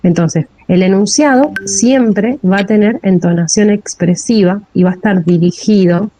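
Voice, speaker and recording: Rioplatense woman teacher, dark and mellow. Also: mid-range voice, normal speed, rough recording. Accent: Rioplatense Spanish. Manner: checks in often with a rising "¿sí?". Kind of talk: classroom lecture on linguistics.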